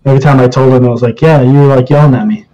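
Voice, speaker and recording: A man's voice: mid-range voice, steady tone, racing, dark tone, muffled recording. Casual rambling young man. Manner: rambling storyteller, swears, laughs often. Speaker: live stream host. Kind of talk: casual chat.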